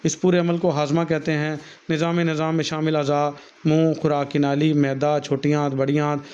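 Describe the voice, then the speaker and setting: A man's voice: a little high, little pitch movement, moderate pace, smooth. A male teacher with a Pakistani Urdu accent, reading from a textbook and then explaining each point to his students in his own words. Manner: reads a passage, then explains it warmly to students, calling them "beta". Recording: dull, lo-fi recording.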